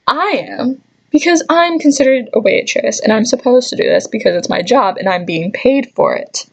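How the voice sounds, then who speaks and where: In a slightly high, creaky voice at normal speed, a young storytelling vlogger complains her way through relaxed anecdotes. Her griping is lively and fed-up, peppered with sarcasm and a bit of mild cursing.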